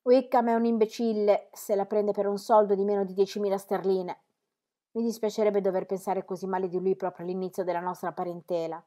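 Brief: woman voicing a grumbling, sardonic gentleman father, loud and forceful in a storybook reading. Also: mid-range voice, flat delivery, a little fast, close to an everyday voice. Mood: dry. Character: blunt sardonic middle-aged gentleman father. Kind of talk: audiobook character reading.

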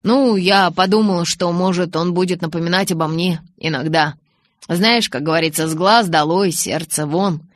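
Picture a teenage boy from a storybook, half teasing and half hurt, who leans in and won't let a question drop, as a woman narrator voices him. He talks with a low, steady voice and a louder push than the surrounding narration. It is a dry, close recording with no room around it. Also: normal speed, dry recording, close to an everyday voice. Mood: earnest. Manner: pleading, then moping and pressing.

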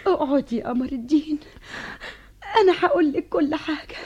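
A woman's voice: high voice, fairly quick, a little mellow, natural voice. A woman playing an anxious, tender queen mother. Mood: confiding. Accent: Egyptian Arabic. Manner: soothing, confiding, sometimes whispering. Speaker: radio drama actress. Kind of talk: vintage radio drama acting. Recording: dull old radio broadcast.

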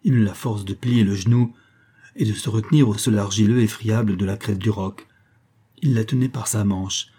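A man reads a classic story aloud in a measured, steady narration. His voice sits low and dark, with a husky edge. The delivery is unhurried audiobook style. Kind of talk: scripted narration.

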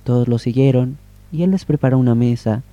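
A man improvising and telling a children's story on a radio show, in a gentle, unhurried way. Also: mid-range voice, no echo, lo-fi sound.

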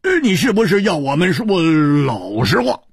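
Husky high laughing swordsman guy, a man putting him on, stammers a lot, pitch jumps all over. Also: wildly swooping pitch, normal speed, dry recording, clean studio sound, exaggerated voice. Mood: jovial teasing. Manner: stammering, chuckling, jovial. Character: brash laughing young male swordsman.

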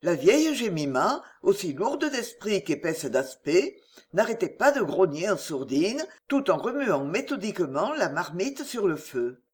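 A reader narrating a classic novel chapter in a measured, expressive way. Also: medium pitch, slightly rough. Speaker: audiobook reader.

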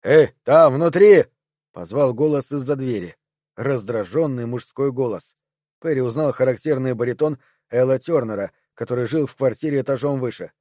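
A man narrating an audiobook in a steady storytelling manner. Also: mid-range voice, brisk, no room sound, clean studio sound.

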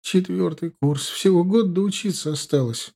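A woman's voice: fairly low pitch, a little slow, creaky, dark tone, husky, pitched above the performer's own voice, full character voice. A man reading an audiobook, voicing an anxious young female student who pleads her case. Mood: pleading. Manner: pleading, insistent.

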